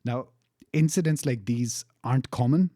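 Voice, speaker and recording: A man's voice: mid-range voice, normal speed, dark tone, dry recording, studio quality. Candid, profane man telling a story. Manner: candid and profane, laughs often. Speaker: storyteller recounting a travel experience. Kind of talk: casual storytelling.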